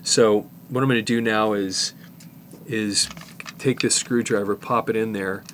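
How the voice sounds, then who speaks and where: Working on a cassette in his workshop, a middle-aged man talks through the hands-on repair in a relaxed way, restarting sentences and adding asides. He speaks at a measured pace in a lowish voice, with slight background noise.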